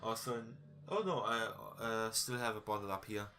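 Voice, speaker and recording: A man's voice: lowish voice, moderate pace, sharp tone. A man doing a let's play, reading game dialogue aloud and adding blunt, sarcastic casual asides. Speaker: gamer playing and commenting on a visual novel.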